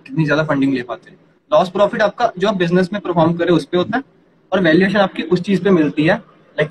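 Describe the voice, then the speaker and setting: A young man casually explaining startup funding to a co-host, talking quickly and animatedly. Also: fairly high pitch. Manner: rapid, animated, addresses partner as yaar and bhai. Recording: noisy background ambience.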